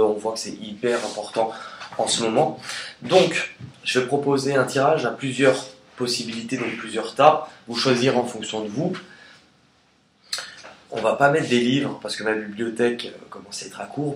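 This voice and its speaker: A man giving a relaxed, chatty tarot card reading in a casual video. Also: mid-range voice. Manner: chatty and relaxed, sings snatches of songs. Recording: echoey room with faint noise.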